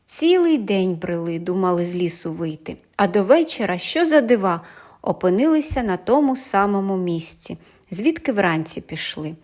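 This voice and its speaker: A woman reading a fairy tale aloud in an animated, expressive storytelling manner. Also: medium pitch, moderate pace.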